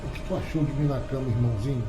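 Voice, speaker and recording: A man's voice: mid-range voice, very fast, over music, lightly acted. Airan, a man voicing a venomous scheming woman. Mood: taunting. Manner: mocking, venomous. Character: taunting scheming young woman. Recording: roomy echoey recording.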